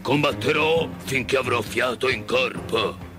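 A man's voice: mid-range voice, measured pace, music in the background, natural voice. A man voicing a big, timid, self-pitying lion in a storybook reading, plaintive and sighing. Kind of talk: storybook character voice.

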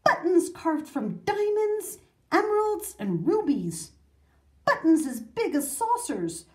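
A woman's voice: on the high side, big pitch swings, slow pace. A woman voicing a boastful old grandfather who spins gleeful tall tales. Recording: roomy echo.

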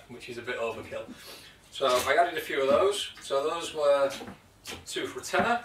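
A man's voice: mid-range voice, fairly bright tone, a little hiss or hum. A man in his thirties with a British accent, chatting casually about his tools in a home workshop, rambling with fillers and restarts. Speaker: woodworking video host. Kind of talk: casual show-and-tell vlog. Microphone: camera mic from a few feet away. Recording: echoey workshop, distant mic.

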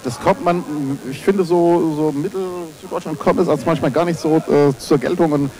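A man's voice: on the high side, steady tone, normal speed, dark tone, rough recording. A man giving casual, conversational co-commentary on a fight, a little hesitant as he speaks.

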